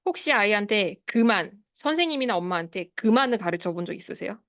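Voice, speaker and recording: A woman's voice: mid-range voice, expressive, quick pace, fairly bright tone, no room sound, studio quality. A woman in her thirties, a speech therapist giving an online lecture to parents and teachers, explaining and asking the audience questions. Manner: explanatory, asks the audience questions, acts out quoted phrases. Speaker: speech therapist leading a study group.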